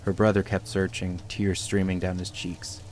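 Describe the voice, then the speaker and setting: Horror game narrator: a man playing a grave villager telling the story, very low voice, faint music underneath. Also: flat delivery, moderate pace, darkish tone, close to an everyday voice. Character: grim village man recounting a horror tale.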